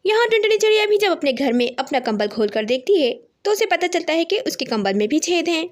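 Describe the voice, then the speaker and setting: A woman narrating a children's cartoon story in a lively storytelling manner. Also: very high-pitched, brisk.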